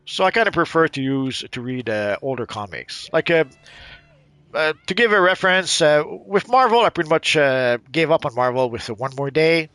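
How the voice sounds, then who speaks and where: Playing a game on his channel, the middle-aged man from Quebec rambles hesitantly in a mixed Quebec French accent, restarting often and leaning on fillers. The voice is fairly high, sharp and clean at a normal speed, with no room sound.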